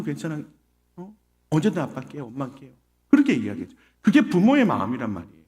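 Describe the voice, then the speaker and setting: A man's voice: high voice, a little mellow. A middle-aged man preaching a sermon as a pastor, telling a personal story in a conversational way with rhetorical questions to the congregation.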